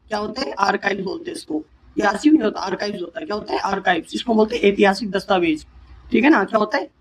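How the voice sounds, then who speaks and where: High-voiced man teaching grammar, repetitive. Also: rough recording. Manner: repeats "ठीक है ना" after each point, asks and answers his own questions; slows right down to read English example sentences word by word. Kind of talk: exam-prep grammar lesson.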